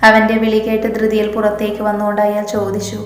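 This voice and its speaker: A woman storyteller reading a scripted story in a steady, even way. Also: medium pitch, fast talker, a little hiss or hum. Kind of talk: scripted narration. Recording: echoey room with reverb. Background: soft music.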